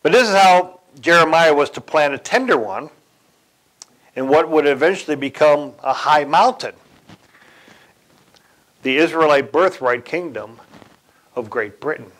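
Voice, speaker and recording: A man giving a sermon in a deliberate way, pausing, correcting himself and chuckling now and then. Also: on the high side, lively intonation, fairly bright tone, poor audio. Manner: slow, deliberate delivery with occasional chuckles and self-corrections. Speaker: church speaker.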